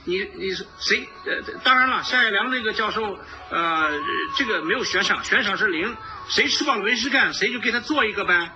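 A man's voice: high-pitched, lively intonation, fairly quick, few pauses, pushed and bright, faint music behind, rough recording. A man giving informal political commentary as a host, emphatic and repeating his phrases.

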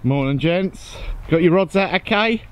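A man in his forties, a vlogger and angler, chats cheerfully in a casual outdoor vlog filmed on a handheld camera at a lakeside fishery. His high-pitched voice is expressive, unhurried, and clean, and his manner is chatty, upbeat, and teasing.

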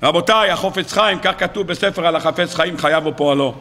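A man, a rabbi, giving a sermon full of stories and acting out the dialogue with lively voices. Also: on the high side. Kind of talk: sermon with storytelling.

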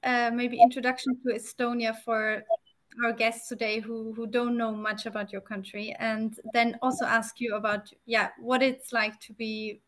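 A young woman with a fairly high voice leads the interview over a video call. She lays out background in a steady, explanatory way before posing prepared questions. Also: normal speed.

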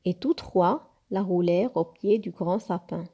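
A woman reading a children's story aloud in a slow, careful, clear narration. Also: on the low side, dark tone.

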